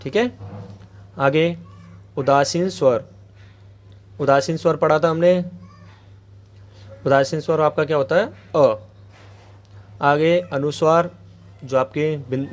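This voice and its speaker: Man teaching a grammar lesson, somewhat high voice. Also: steady tone, a little slow, pauses often. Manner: asks rhetorical questions then answers them; repeats a check-in phrase to viewers. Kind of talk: exam-prep grammar lesson.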